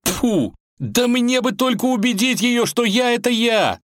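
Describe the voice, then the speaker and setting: Excitable young fairy-tale prince, high and pleading, done by a male narrator. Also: a little slow, slight background noise, full character voice. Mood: eager. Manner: high-pitched, breathless, pleading.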